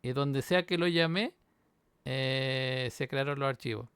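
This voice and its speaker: The speaker is a male university instructor whose medium-pitched voice is a little slow, fairly bright and clean, captured in a dry recording. He explains a programming exam solution on screen step by step, checking in with the class via "¿sí?", in a screen-recorded coding walkthrough.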